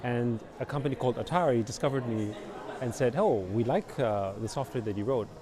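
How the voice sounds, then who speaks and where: A man's voice: medium pitch, fairly quick. Middle-aged man talking over a crowd. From Austria. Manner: relaxed, rambling, many fillers like "you know" and "basically". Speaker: interview guest, company founder. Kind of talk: conversational interview. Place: outdoors at a busy conference venue. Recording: crowd chatter behind. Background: crowd noise.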